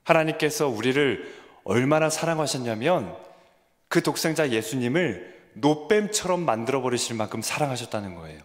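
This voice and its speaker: A man preaching a sermon as a junior pastor, questioning his listeners and building to emphatic peaks. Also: mid-range voice. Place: church sanctuary. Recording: long church reverb.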